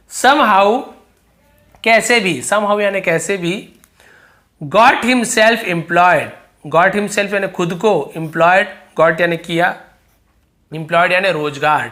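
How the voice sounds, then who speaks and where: A teacher reads English story sentences slowly, then explains them word by word in a chatty, repetitive way. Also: mid-range voice, fairly bright tone. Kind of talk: line-by-line translation lesson.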